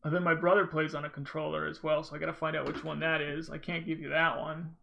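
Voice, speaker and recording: A man's voice: fairly high pitch, flat delivery, fast talker, vocal fry, bright, forceful tone, slight background noise. A man giving casual, rambling gameplay commentary as a speedrunner, often breaking off and restarting his thoughts. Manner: rambling, informal, self-interrupting storytelling. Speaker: gamer, speedrunner commentating own run.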